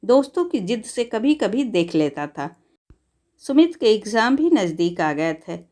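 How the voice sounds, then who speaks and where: Even-voiced woman reading a moral tale. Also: mid-range voice. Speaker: storyteller. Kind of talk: scripted narration of a moral story.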